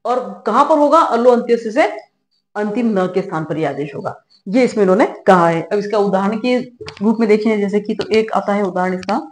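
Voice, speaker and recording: In a medium-pitched, brisk voice, a middle-aged woman delivers a classroom-style grammar lesson, patiently explaining each step. She checks in with her students often, using "ठीक है" and "है ना".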